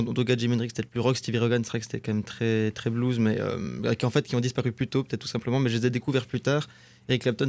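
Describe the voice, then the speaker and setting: Fast, flat-voiced male guitarist. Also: mid-range voice, creaky, no echo. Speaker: guitarist guest. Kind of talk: casual interview answers.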